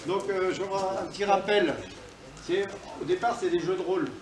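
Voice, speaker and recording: A man's voice: sits high, steady tone, normal speed, crowd noise. A man teaching self-defense to a class, explaining each move while he demonstrates it and punctuating strikes with sound words. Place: dojo, indoors. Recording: roomy hall, distant mic.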